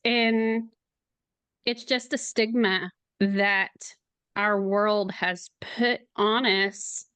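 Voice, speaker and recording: A middle-aged woman, a podcast guest, speaking in a slow, halting, emotional way, near tears at times. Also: mid-range voice, fairly even intonation, a bit bright, clear, resonant tone, dry recording. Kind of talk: podcast interview.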